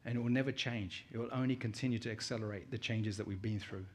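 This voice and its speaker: Fast and fairly even in intonation, this lowish male voice belongs to a middle-aged, British-accented conference guest born in Uganda and from the United Kingdom. His presentation is conversational and loose, built around personal anecdotes and questions aimed at his listeners.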